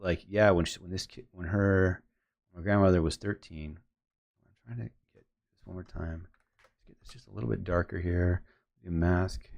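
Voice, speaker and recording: A man's voice: low-pitched, vocal fry, a little mellow. A man talking casually as he edits photos, telling a long story in a rambling way and narrating his editing steps aloud. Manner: rambling, retells conversations with quoted voices. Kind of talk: casual storytelling while working.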